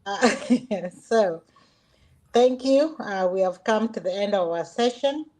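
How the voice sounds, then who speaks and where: Slow, hesitant woman hosting a session. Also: mid-range voice, lively intonation, a little mellow. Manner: hesitant, pausing often. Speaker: host. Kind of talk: unscripted thanking and sign-off to viewers.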